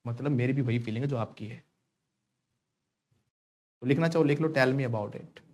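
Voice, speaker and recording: A man's voice: medium pitch, normal speed, darkish tone. A man from India teaching spoken English to a class in Hindi, joking and pushing his students to repeat English phrases after him.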